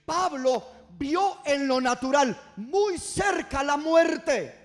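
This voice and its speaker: A Costa Rican pastor preaches a passionate sermon at a church service, firing rhetorical questions at the congregation. His voice is very high, and he delivers it animatedly but at a slow pace.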